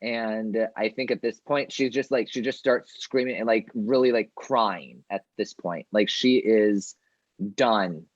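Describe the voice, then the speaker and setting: Gm guy narrating a tabletop game, halting, um-heavy, lo-fi dry audio. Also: lowish voice, no echo. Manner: halting, many fillers and restarts. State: coughing fits. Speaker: game master.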